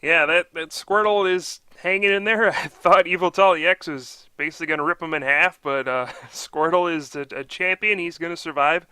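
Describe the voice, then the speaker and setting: Very bright, smooth male analyst commentator. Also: a little high, moderate pace, few pauses, dry recording. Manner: analytical, upbeat, explains plays. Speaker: card game commentator. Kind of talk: live game commentary.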